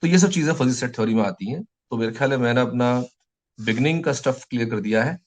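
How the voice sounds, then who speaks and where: Indian teacher guy, slow lecture, repeats stuff word by word for notes. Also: medium pitch, lively intonation, darkish tone. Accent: Indian English. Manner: slow dictation, repeating English phrases word by word.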